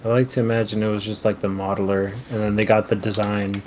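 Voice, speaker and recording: A man's voice: lowish voice, level tone, fast, a little mellow, a little hiss or hum. A man chatting casually among friends, hesitant and full of fillers. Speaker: friend in audience. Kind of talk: casual chat.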